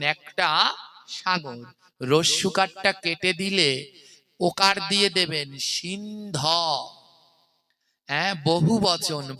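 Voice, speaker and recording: Male devotional preacher, Bengali accent, unhurried and emphatic, bright tone. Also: high-pitched. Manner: teaching, emphatic, chanting verses slowly. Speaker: kirtan preacher. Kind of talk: devotional sermon.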